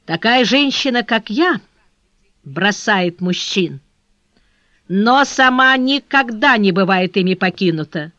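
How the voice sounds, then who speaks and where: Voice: mid-range voice, very animated, unhurried, sharp tone, no echo, lo-fi sound, full character voice. A reader voicing a proud, passionate young courtesan in an audiobook, haughty and then fierce. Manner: haughty, flaring into fierce outbursts. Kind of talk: audiobook character reading.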